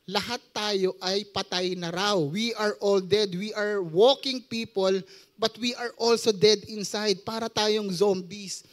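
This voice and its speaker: High-voiced Filipino man preaching with jokes. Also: fairly even intonation, slow, a bit bright. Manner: joking, mixes Tagalog and English, quizzes the audience. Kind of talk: sermon.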